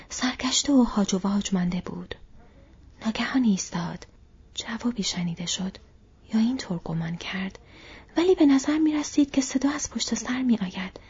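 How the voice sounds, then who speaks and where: A woman narrating an audiobook in a steady, even storytelling manner. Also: medium pitch, breathy edge. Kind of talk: scripted narration. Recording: dull lo-fi recording.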